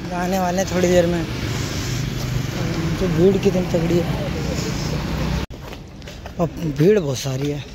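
Filming on his phone, a young man narrates his journey along city roads to a stadium in a relaxed vlog, repeatedly addressing viewers as "brother." His voice is high and measured, broken by long pauses, and the outdoor audio is very noisy.

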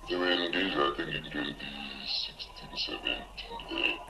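A man with an electronically lowered, disguised voice, answering interview questions haltingly and repeating words as he searches for them. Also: creaky, music in the background. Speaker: prison inmate interviewee. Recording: echoey and noisy disguised recording.

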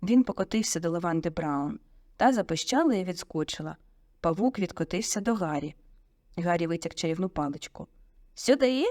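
A woman narrating an audiobook in a vivid, expressive storytelling manner on a close studio mic. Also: lowish voice, fairly quick, no echo.

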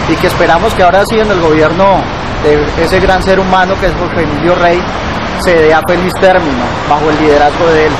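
A man in his thirties with a Colombian accent speaks earnestly and persuasively in an outdoor interview. His voice sits high for a man. Heavy street traffic rumbles loudly behind him. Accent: Colombian Spanish. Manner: earnest, persuasive, with some repeated filler words. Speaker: civic leader interviewee. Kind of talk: on-camera interview statement. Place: outdoors by a glass building.

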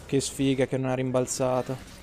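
A man's voice: mid-range voice, monotone, normal speed, dark tone, faint music behind. A man, streaming gameplay and ranting at his chat, swearing freely and teasing. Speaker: game streamer. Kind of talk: casual live-stream gameplay commentary.

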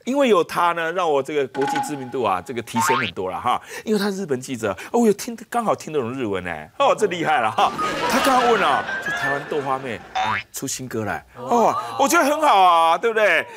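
A blustering politician with a Taiwanese accent. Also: male voice, fairly high pitch, very animated. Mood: boastful. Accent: Taiwanese Mandarin. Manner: bombastic, keeps asking "right?", drawn-out exclamations. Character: blustering self-important male politician-professor, middle-aged. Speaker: satirical politician character. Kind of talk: comedy sketch monologue. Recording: loud music underneath.

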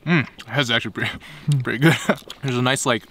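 A man's voice: mid-range voice, a little fast, a bit bright, a little hiss or hum. A young man joking playfully with friends at an outdoor campsite. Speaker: camper. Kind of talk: casual chat.

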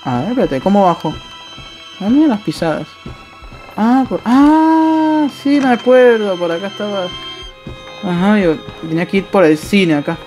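High-voiced excitable Argentine gamer. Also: male voice, moderate pace, faint music behind. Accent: Argentine Spanish. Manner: excitable, yelps and laughs, casual swearing. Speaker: gameplay streamer. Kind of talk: live horror game commentary.

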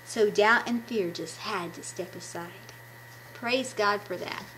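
Her mid-range voice comes slowly and with a fairly bright tone as she, a woman in her fifties who does children's ministry puppet shows, enthusiastically shares a devotional message with kids. The clip was captured in a small room at home by a webcam at arm's length. Quality is low, with slight background noise.

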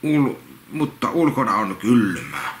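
A man's voice: on the low side, sing-song. A man voicing a sulky little girl who wants to run away, reading her lines in his own plain voice. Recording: roomy echo, faint background noise.

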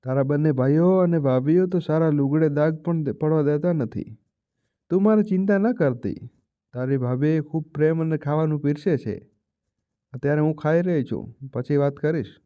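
A man reading as a gentle old mother. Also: fairly high pitch, normal speed, highs cut off, lightly acted. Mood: gentle sorrow. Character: elderly widowed mother, gentle and patient.

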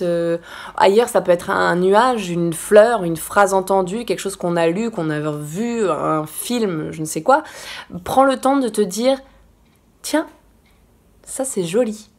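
A woman's voice: medium pitch, unhurried. Upbeat woman vlogger giving friendly advice. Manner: upbeat, encouraging, talks straight to the viewer; chatty with frequent "euh" fillers. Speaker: lifestyle vlogger. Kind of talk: casual advice to camera.

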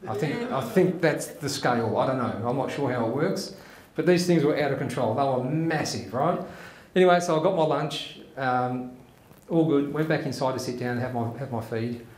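A man's voice: mid-range voice, moderate pace, darkish tone. A man hosting a comedy show, telling jokes in a chatty, rambling way with many fillers. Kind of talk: casual stand-up joke telling. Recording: echoey room.

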